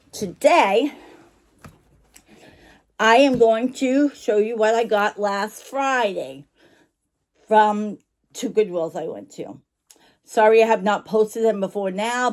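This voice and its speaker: Chewing gum as she talks, a woman who runs an online vintage shop chats to camera about her finds in a rambling, apologetic way, cutting herself off often. Her voice is medium-pitched with a darkish tone.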